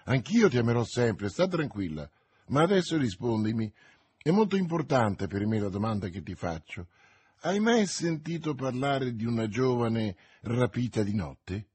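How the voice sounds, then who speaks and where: A man reading aloud and voicing a bold young swordsman, earnest and commanding, in a husky voice. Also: medium pitch, sing-song, normal speed, darkish tone, no room sound, voice pushed down.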